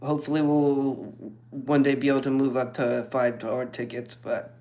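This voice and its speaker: A man streaming and chatting casually with viewers, relaxed and rambling. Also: medium pitch. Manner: relaxed, rambling, slow and even. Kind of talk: casual chat.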